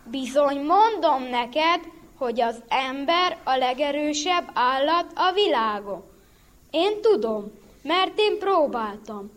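A woman's voice: high voice, lively intonation. Woman playing a sorry, beaten-up wolf. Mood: aggrieved. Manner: mournful, then telling his woes urgently. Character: sad beaten male wolf. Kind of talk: storybook reading.

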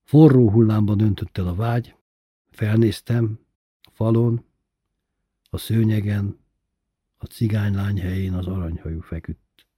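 A man reading a first-person story aloud in a plain, even storytelling manner. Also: lowish voice, pauses often, husky, no echo, studio quality. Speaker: narrator.

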